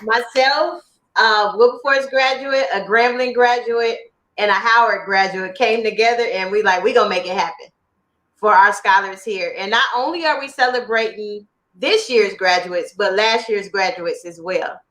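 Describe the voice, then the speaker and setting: A woman co-hosting a livestream, chatting with excitement about an upcoming event. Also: medium pitch, moderate pace, reverberant, low-quality recording. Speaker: co-host. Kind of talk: casual chat.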